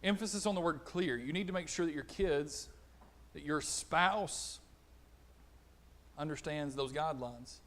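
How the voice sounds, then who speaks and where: A middle-aged man preaching a conversational sermon, animated, acting out little exchanges. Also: a little high, a little slow, long pauses. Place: church auditorium.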